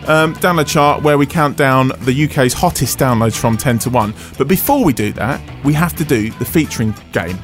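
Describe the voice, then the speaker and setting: A man hosting a radio chart show with easy, joking patter. His voice sits at a middle pitch, and faint music plays underneath. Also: moderate pace, few pauses. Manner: jokey, self-mocking. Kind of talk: casual radio banter.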